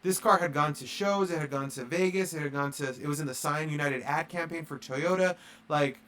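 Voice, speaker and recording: A man's voice: a little high, fairly quick, fairly bright tone. Chatty man telling a story. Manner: rambling, filler-heavy, acts out quoted dialogue. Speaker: streamer. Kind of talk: casual storytelling on a livestream.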